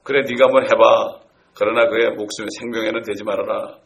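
A man's voice: lowish voice, steady tone, fairly quick, creaky, a bit bright. A man voicing God as a stern, commanding male figure in a conversational sermon retelling.

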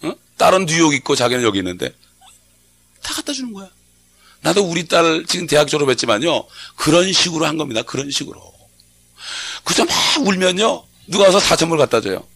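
Middle-aged man, pastor, conversational sermon, gravelly rasp, prods congregation with questions. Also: fairly high pitch, sing-song, a little fast, fairly bright tone. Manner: conversational preaching with frequent call-and-response questions.

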